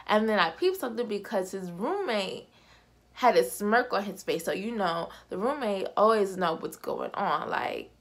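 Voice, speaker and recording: A woman in her twenties telling a vlog story in a slangy, animated way. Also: mid-range voice, normal speed. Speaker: vlogger.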